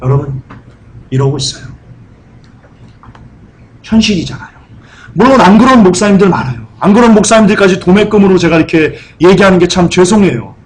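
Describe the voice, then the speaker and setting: A male pastor preaching a sermon, firing off rhetorical questions and acting out scenes with loud cries and sudden soft asides. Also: high voice, lively intonation, fairly quick, pauses often, a little hiss or hum, low-quality recording. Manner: acts out scenes with loud cries and dropped whispers.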